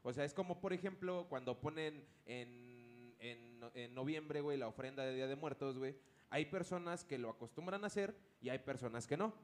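A man's voice: mid-range voice, moderate pace. A man with a Mexican accent, chatting casually as a podcast co-host, laughing often and using crude slang. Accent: Mexican Spanish. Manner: laughs a lot, crude slang, rambling anecdotes. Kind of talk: casual group chat.

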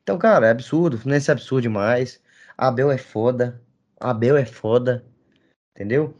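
Brazilian male podcast co-host, insistent slangy street talker, mid-pitched, casual sports banter, muffled lo-fi recording. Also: normal speed, darkish tone. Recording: dull lo-fi podcast audio.

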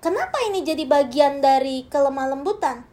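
A woman preacher giving a sermon with a personal testimony, speaking straight to the congregation and moving between hushed, soft passages and loud, emphatic ones. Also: high-pitched, lively intonation, a little fast.

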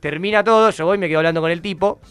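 A young man with an Argentine Rioplatense accent, chatting casually as a podcast host and telling an animated story full of acted-out quotes. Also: sits high, very fast, clear, resonant tone, faint music behind. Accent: Argentine Rioplatense Spanish. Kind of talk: casual chat.

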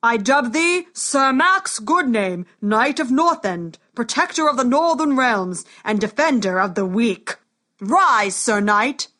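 Woman voicing a booming regal king. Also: big pitch swings, takes it slowly, few pauses, pushed and bright, heavily acted. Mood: commanding. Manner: thundering, formal proclamations. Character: booming commanding male king.

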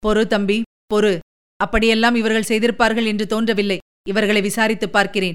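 A woman reading the part of a stern older male fort commander, speaking with command and a slightly lowered voice. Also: flat delivery, a little fast, fairly bright tone, clean tone, natural voice.

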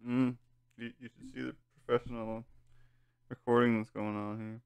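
A man hosting a relaxed podcast chat, his voice smooth and clean at an ordinary middle pitch. He talks in a laid-back way, often stumbling and repeating words before he gets his point out. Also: normal speed, no echo. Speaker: podcast host. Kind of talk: casual chat.

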